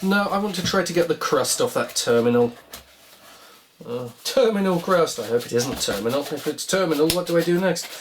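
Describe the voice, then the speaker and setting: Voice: mid-range voice, background noise. A vlog host giving casual hands-on repair commentary, musing wryly and asking themselves questions in a rambling way. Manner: rambling, wry musing with self-directed questions.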